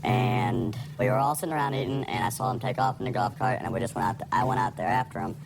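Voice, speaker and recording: A man's voice: deep voice, lively intonation, fast, vocal fry, over music, poor audio. A man giving courtroom testimony as a witness in an informal, slightly hesitant way. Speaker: witness or litigant in a TV court show.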